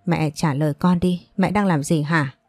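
A woman narrator voicing a frantic, hot-tempered young woman who turns sharp in anger. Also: low voice, fairly even intonation, moderate pace, no echo. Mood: furious.

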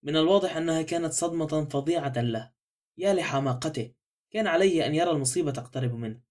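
A man voicing a young female maid in a spoken novel, who talks coarsely and excitedly spreads gossip. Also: on the high side, fast talker, lightly acted.

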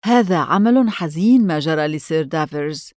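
A woman's voice: low-pitched, lively intonation, normal speed, darkish tone, no echo, studio quality. A woman reading the lines of a reserved middle-aged male lawyer in a storybook, in a grave, guarded manner.

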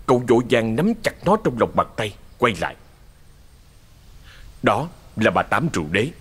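Husky storyteller man. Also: medium pitch, normal speed. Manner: expressive storyteller. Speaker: narrator. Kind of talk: ghost story narration.

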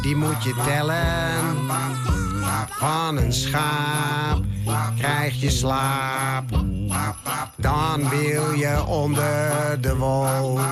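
A man voicing a dim, self-mocking talking sheep in a comic radio sketch, droning and deadpan. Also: on the high side.

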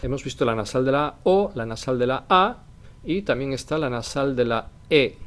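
A man teaching a language lesson, explaining slowly and repeating example phrases, often ending a point with a quick "eh?". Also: medium pitch, expressive. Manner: tag question "eh" after points. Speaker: French teacher.

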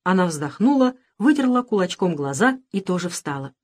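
A woman narrating a children's novel in a steady, measured storytelling manner. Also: lowish voice. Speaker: audiobook narrator. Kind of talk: scripted narration.

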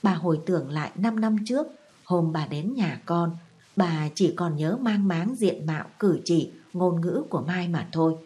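A woman reads a novel aloud in calm, even audiobook narration. Her voice sits low and sounds mellow and warm. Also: normal speed.

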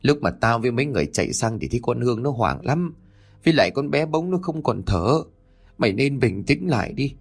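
A man's voice: mid-range voice, very animated, fairly quick, creaky, slightly rough, full character voice. A man doing a blunt old village woman. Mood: stern. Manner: blunt, scolding.

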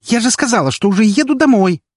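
A man voicing an upset young woman who pleads and shouts through tears. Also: a little high, expressive, quick pace, no echo, studio quality, voice pushed up. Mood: angry shouting.

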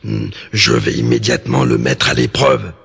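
A man voicing a huge, gruff male giant in a storybook cassette, slow and growling. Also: extremely low pitch, very animated, pitched below the performer's own voice, exaggerated voice. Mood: doubtful. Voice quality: gravelly. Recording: long hall reverb.

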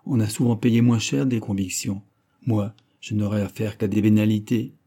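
A man's voice: on the low side, fairly even intonation, moderate pace, mellow. A man voicing a bitter, powerless young king of 22, declaiming with rising indignation. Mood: resolute.

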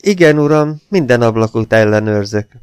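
A man's voice: medium pitch, expressive, smooth, no room sound, clean studio sound, pitched above the performer's own voice, close to an everyday voice. A man doing a nervous, evasive old butler. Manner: trembling, evasive, stubborn.

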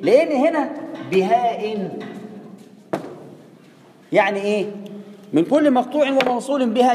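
A man with an Egyptian Arabic accent teaching a tajweed class, speaking quickly and conversationally, often putting questions to his students. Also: very high-pitched, a little mellow, a little hiss or hum. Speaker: Quran recitation teacher. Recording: echoey hall, faint room ambience.

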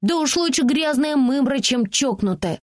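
A woman's voice: high-pitched, lively intonation, normal speed, dry recording, clean studio sound, pitched above the performer's own voice. A woman reading an audiobook voices a five-year-old neighbour girl who taunts in blunt, slangy speech. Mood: taunting. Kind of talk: audiobook character voicing.

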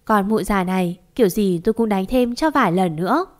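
A woman voicing a brash, foul-mouthed middle-aged neighbor woman who shouts insults in a storybook. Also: mid-range voice, lively intonation, a little fast, natural voice. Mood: angry.

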